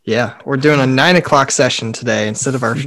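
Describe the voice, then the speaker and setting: A man's voice: mid-range voice, a little fast, a bit bright. A young man co-hosting a podcast, rambling casually with lots of filler words. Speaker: podcast co-host. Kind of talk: casual chat.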